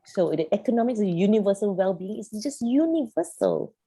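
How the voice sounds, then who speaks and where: A woman's voice: mid-range voice, sing-song, a little fast, mellow, slightly rough. Emphatic woman facilitator, rhetorical questions. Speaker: youth program facilitator. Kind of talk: animated group coaching.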